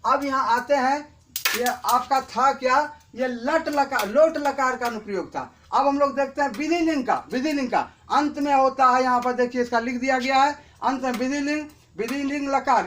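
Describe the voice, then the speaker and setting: A male teacher giving a Sanskrit grammar lesson, slowly repeating each form for students to copy. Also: extremely high pitch, fairly bright tone, slight background noise. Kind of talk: classroom lesson.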